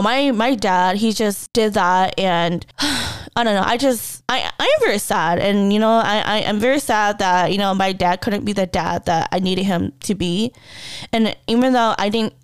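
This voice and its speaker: A young Hmong woman hosting a podcast tells a personal story candidly in a smooth, mid-range voice with no echo. She's blunt and emotional, swears heavily, and at times comes close to tears.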